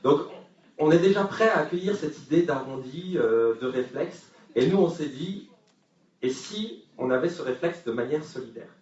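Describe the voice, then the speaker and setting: A man's voice: on the high side, expressive, moderate pace, a little mellow. Man telling a story in an echoey hall. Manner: anecdotal, humorous, many hesitations. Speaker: speaker at a forum. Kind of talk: conference talk. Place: conference hall with audience. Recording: far-off echoey hall, dull sound.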